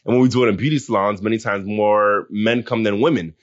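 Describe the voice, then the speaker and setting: A man's voice: lowish voice, steady tone, a little fast, highs cut off. A man who runs community discussions, speaking as a guest in a casual interview and explaining earnestly, often repeating words as he starts.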